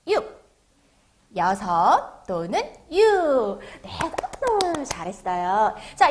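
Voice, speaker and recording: A woman teaching young children to read and write numbers, drawing out words slowly for them to repeat. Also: high voice. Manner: sing-song, slow drawn-out counting for children to repeat. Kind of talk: children's math lesson.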